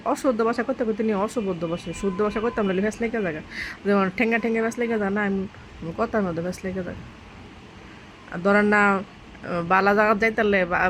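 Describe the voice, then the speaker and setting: A woman's voice: mid-range voice, fairly bright tone, a little hiss or hum. A woman vlogger with a rural Bangladeshi dialect, chatting to her viewers outdoors in a homely, rambling way. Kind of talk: casual chat to viewers. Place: outdoors near birds.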